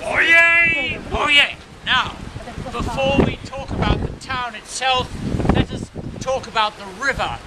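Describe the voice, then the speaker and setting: A middle-aged man addresses a group in a town crier's theatrical, projected manner. His voice is strikingly high for a man. He is recorded outdoors on a camera, with heavy wind and street noise around him. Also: fairly even intonation, a little slow. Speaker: town crier and walking-tour guide. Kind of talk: town crier proclamation and guided history tour. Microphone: camera a few steps away.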